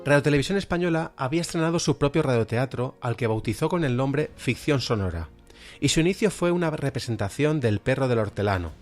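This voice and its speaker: Over background music, a man from Spain reviews radio drama for a podcast with semi-scripted enthusiasm. His Spanish-accented voice sits at medium pitch, brisk and with lively intonation.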